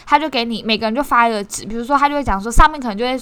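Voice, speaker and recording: A young woman talks casually and animatedly, often restarting her sentences and poking fun at herself. Her voice is bright and ringing and sits a little high. The sound is dry and close, with almost no room around it. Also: rapid-fire, clean tone, no room sound. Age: 20s. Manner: animated, self-mocking, frequent restarts and bursts of laughter. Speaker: course participant sharing reflections. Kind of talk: casual spoken sharing.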